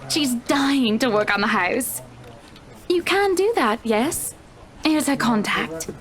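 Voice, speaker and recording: A woman's voice: on the high side, lively intonation, takes it slowly, fairly bright tone. A woman playing a wealthy, gracious but condescending female client in a visual novel game, full of genteel, patronizing endearments. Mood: breezy, coaxing.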